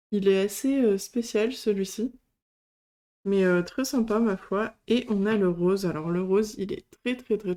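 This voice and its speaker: Showing off items one by one, a woman hosts a casual product demo for her craft channel. Her voice is medium in pitch with a dark tone, and her delivery is hesitant and full of fillers.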